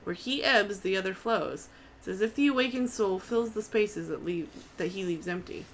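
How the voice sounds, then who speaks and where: A woman voicing a brisk, clinical female scholar who studies souls. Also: mid-range voice, slight background noise, close to an everyday voice.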